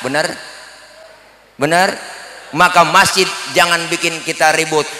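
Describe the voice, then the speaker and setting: A man's voice: a little high, fairly even intonation, unhurried, sharp tone. A man with a Betawi accent giving a humorous sermon, joking and chatting with the crowd. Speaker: preacher. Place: mosque event hall. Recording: echoey hall sound.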